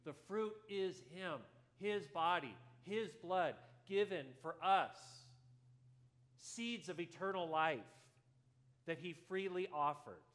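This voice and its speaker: A male pastor preaching a sermon in a church, telling a story earnestly and going softer at tender moments. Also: high-pitched, takes it slowly. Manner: earnest storytelling, drops softer for quoted lines.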